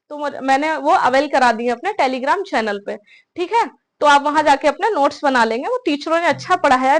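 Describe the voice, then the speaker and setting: High-voiced woman giving exam advice. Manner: conversational, repeats tag questions, addresses listeners as brother. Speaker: exam preparation mentor. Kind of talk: casual advice talk to students.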